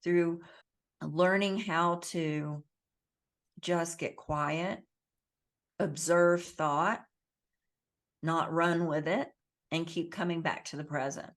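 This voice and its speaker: A woman's voice: lowish voice, steady tone, slow pace, long pauses. A woman being interviewed as an author, talking earnestly in a coaching tone and acting out the voices she quotes. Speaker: author, guest. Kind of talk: interview conversation. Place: based in the Southwest US.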